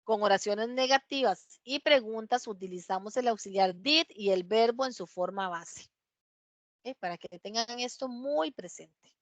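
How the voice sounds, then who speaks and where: A woman's voice: on the high side, no echo. A woman teacher explaining English past tense rules in a patient way, checking in often with her students. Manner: drills English words slowly, one by one. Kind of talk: online class explanation.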